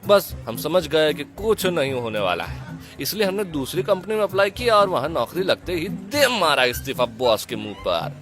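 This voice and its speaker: A man voicing a crude, excitable young man who swears freely in an audio drama. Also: fairly high pitch, normal speed, over music. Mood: excited. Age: young adult.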